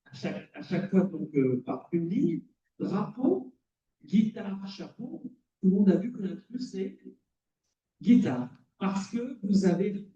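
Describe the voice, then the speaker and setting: A man's voice: high-pitched, warm tone. A man giving a conference talk as a cognitive psychology lecturer, explaining and quizzing the audience. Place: lecture hall. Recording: roomy, distant, dull.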